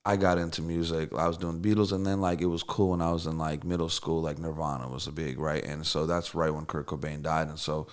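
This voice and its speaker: Very deep and flat in delivery, this man speaks a little fast, with hardly any pauses. He's a middle-aged guest from Russia, a songwriter and producer with Russian as his first language, telling stories loosely in an interview and often restarting or leaning on fillers.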